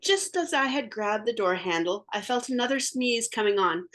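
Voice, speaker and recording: A woman reads a picture book aloud with a high, bright-toned voice that leaps around expressively. She tells the tale as the wolf in first person, playful and theatrical, stretching words and adding sneezes and doorbell sounds. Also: expressive, normal speed. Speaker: storybook reader.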